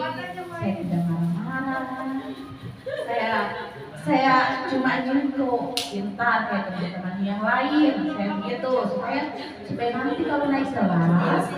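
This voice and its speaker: A woman teacher telling a problem from her class in an earnest, hesitant way, with many restarts. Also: high voice. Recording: echoey room, far from the mic, crowd behind.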